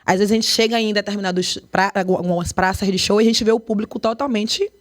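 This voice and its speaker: A woman from Bahia with a Bahian Portuguese accent, a dance choreographer and artistic director speaking in a podcast interview with animated emphasis. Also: mid-range voice, fairly quick. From Brazil, Bahia. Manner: animated, emphatic, lively storytelling.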